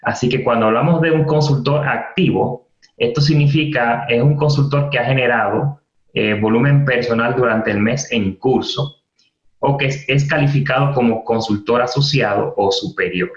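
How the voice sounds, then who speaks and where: A man walks listeners through a training webinar, pausing on fillers and repeating the key terms. His voice sits in a roomy space. The audio is somewhat dull and lo-fi. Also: mid-range voice.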